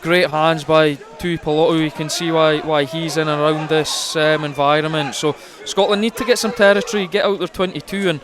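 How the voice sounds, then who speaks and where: Speaking briskly and almost without pausing, a man in a rugby stadium gives live, chatty co-commentary, figuring out his thoughts as he talks. His slightly high voice holds a steady tone against the crowd noise.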